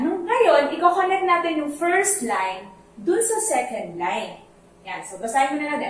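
In this echoey, faraway recording with faint music, a Filipino woman teaches a Sunday school class of children. She explains a Bible verse with patience in blended Tagalog and English, singing the lines to teach their tune. Her voice sits high, and there's slight background noise.

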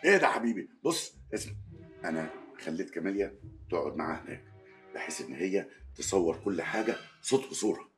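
An actor playing a fussy newspaper editor in a sitcom, speaking with an Egyptian accent in a quick, exasperated, scolding way. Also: male voice, low voice, lively intonation, faint music behind. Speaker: editor-in-chief.

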